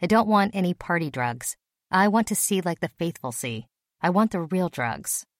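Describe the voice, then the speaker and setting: A woman voicing a weary, gruff male company executive who speaks slowly and sternly. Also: expressive, no room sound, clean studio sound. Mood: brooding. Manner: slow, gruff, low delivery.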